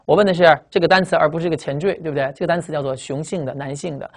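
This male speaker sounds a little high as he covers English vocabulary in a recorded lecture. His explanations come fast, full of repetition and tag questions.

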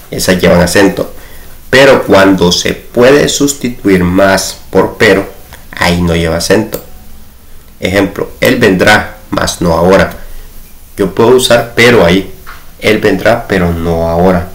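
A man teaching a grammar lesson, patiently repeating slow examples. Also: low-pitched, creaky. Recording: echoey room.

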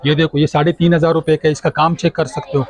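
A man, a shopkeeper showing clothes and briskly repeating prices on a lapel mic in a crowded market shop. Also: a little high, flat delivery. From Pakistan. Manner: brisk, repetitive price listing. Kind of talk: showing goods and quoting prices.

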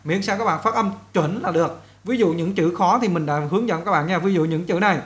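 A man teaching an English listening lesson to students. He explains step by step and models each English word slowly, repeating it several times. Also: sits high, a bit bright.

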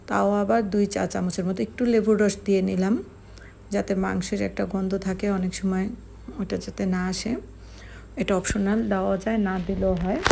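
A woman, slowly explaining a home cooking recipe step by step as a channel host. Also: mid-range voice, gravelly, mellow, a little hiss or hum. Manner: slow, step-by-step explaining with fillers. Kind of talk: home cooking tutorial narration.

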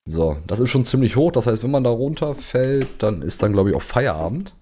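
A man's voice: medium pitch, very animated, a little fast, dark tone. A man giving casual gameplay commentary, chatty and explaining step by step as he shows off a build. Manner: chatty, many fillers and restarts, explains step by step. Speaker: gamer showing a game build.

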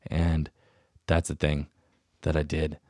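A young man with a low voice hosts a solo podcast and rambles from thought to thought. He puts himself down and sounds restless. The recording is dry and close to the mic. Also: completely flat delivery, slow, warm tone, dry recording. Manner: self-deprecating, rambling, restless. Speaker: podcast host. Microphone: studio mic with headphones.

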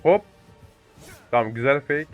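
A young man giving excitable live commentary over a multiplayer game, swearing and talking to teammates and viewers. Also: mid-range voice, measured pace, phone-quality sound, soft background music. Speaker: gaming YouTuber.

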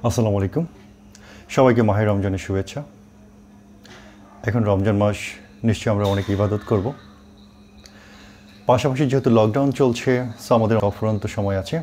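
A middle-aged man who teaches English, explaining pronunciation and spelling words out slowly, mixing English words into his talk. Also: lowish voice, warm tone, a little hiss or hum. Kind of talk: online pronunciation lesson.

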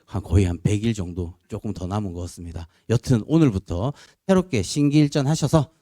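A man's voice: lowish voice, brisk, dry recording, clean studio sound. A man in his forties giving a chatty classroom lecture to exam students, acting out other people's lines as he goes. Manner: chatty and animated, acts out students' and family's lines. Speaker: police promotion exam instructor. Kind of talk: classroom lecture, pep talk. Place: lecture room.

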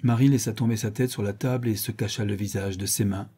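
A man reading a crime novel aloud as an audiobook narrator, in a calm, even storytelling manner. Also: on the low side, fast talker, husky. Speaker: audiobook reader.

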